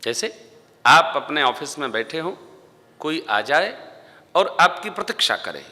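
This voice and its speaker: A man giving a devotional sermon in a large temple hall, speaking slowly and emphatically into a stage microphone and singing scripture verses. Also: on the high side, sing-song. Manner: slow, emphatic, rising to loud stressed phrases. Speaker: Ram Katha preacher. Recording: long hall reverb.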